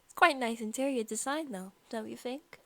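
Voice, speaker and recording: A woman with a slightly high, natural voice plays a sadistic, possessive young vampire at a moderate pace, sounding sweetly smug. The softly spoken ASMR roleplay is teasing and lightly menacing, sometimes sinking into whispers, and there's no echo.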